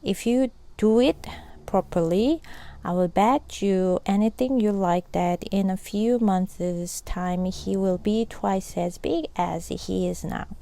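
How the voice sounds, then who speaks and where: A Korean-native woman reading a storybook aloud, voicing a shy, hopeful older man who coaxes slowly and deliberately. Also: high voice, creaky, exaggerated voice. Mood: encouraging. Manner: gently coaxing, slow and deliberate.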